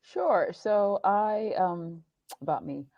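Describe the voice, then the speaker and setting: A woman's voice: medium pitch, slow pace, dry recording, highs cut off. A woman in her forties, raised across three countries, giving thoughtful and earnest interview answers. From Nigeria, England and the United States. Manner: thoughtful, restarts sentences, earnest. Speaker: guest, documentary producer and speaker.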